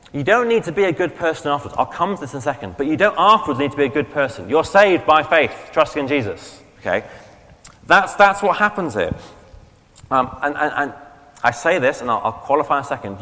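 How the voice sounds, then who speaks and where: A man's voice: a little high, sharp tone, big-room sound. A man preaching a sermon in a casual, conversational way, with fillers and restarts and questions to the congregation. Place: church.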